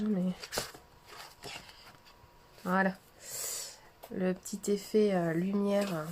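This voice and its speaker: Slow, chatty woman coloring on a livestream. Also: medium pitch, a little hiss or hum. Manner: chatty, hesitant, with fillers and soft asides. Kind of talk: casual coloring tutorial livestream.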